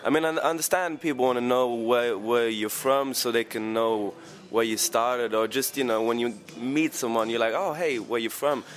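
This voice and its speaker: Joking band singer in a casual interview. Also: male voice, medium pitch. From Luxembourg and Spain. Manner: joking, halting, thoughtful.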